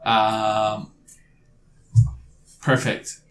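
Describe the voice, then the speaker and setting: Slow-paced man running a tabletop game. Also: fairly low pitch, completely flat delivery, a bit bright, roomy sound, low-quality recording. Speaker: game master. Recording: faint room noise.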